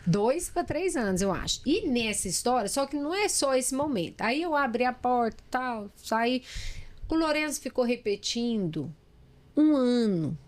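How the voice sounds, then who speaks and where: A Brazilian woman, a podcast guest, telling personal stories in an emotional, animated way, laughing often. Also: a little high, normal speed. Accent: Brazilian Portuguese. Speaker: podcast guest, former judge. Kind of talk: personal storytelling in casual chat.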